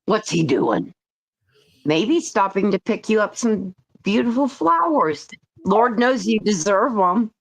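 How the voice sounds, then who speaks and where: A woman taking part in a casual group chat, teasing and telling stories in a lively way. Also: mid-range voice, slow pace, poor audio. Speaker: chat guest.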